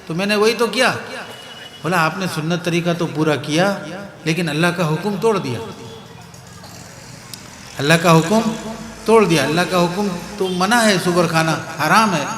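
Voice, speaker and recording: A man's voice: sits high, a bit bright, reverberant, in a large hall. A Pakistani man with a Pakistani Urdu accent giving a sermon at a religious gathering, telling parables, repeating key phrases and checking whether the crowd understands. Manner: keeps asking the crowd if they understand. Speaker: guest preacher.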